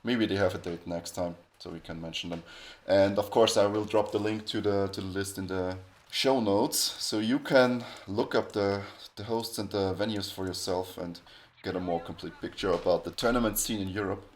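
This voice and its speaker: Rambling low-voiced podcast host, man. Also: fairly even intonation, normal speed, hardly any pauses. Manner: rambling, frequent restarts and self-corrections. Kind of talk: casual podcast chat.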